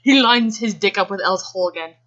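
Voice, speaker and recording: A woman reads fan fiction aloud in an amateur dramatic style, giggling and often breaking off to react with casual asides. Her middling-pitched voice is brisk with a fairly bright tone. The home recording sounds slightly dull and lo-fi.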